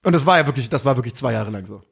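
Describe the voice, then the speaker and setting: Ein Mann, der als Co-Host locker und begeistert über Fußball plaudert, mit lässigem Slang. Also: male voice, mid-range voice, animated, rapid-fire, vocal fry, husky. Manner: enthusiastic, slangy, self-deprecating. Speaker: podcast co-host. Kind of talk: casual football chat.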